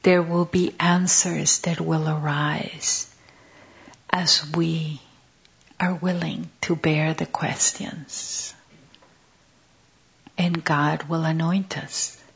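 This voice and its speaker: A woman giving a gentle contemplative teaching on prayer, speaking softly and often half-whispered in short, halting phrases. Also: deep voice, level tone, vocal fry. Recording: dull lo-fi recording.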